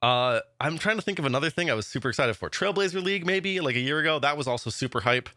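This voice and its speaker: A man giving a casual vlog update as a gaming YouTuber, excited and rambling with lots of fillers. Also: mid-range voice, very fast, dry recording, studio quality.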